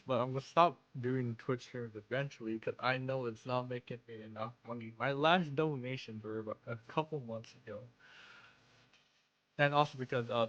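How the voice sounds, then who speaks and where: A man with a slushy lisp and slightly slurred words, talking casually and haltingly as he introduces himself in a vlog, often repeating phrases. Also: medium pitch, fairly bright tone, dull audio. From Canada. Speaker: content creator and streamer.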